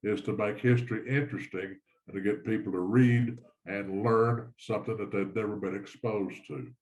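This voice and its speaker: A man's voice: lowish voice, steady tone, moderate pace, darkish tone. An older man, a guest author, explaining earnestly on a casual interview call, with frequent restarts.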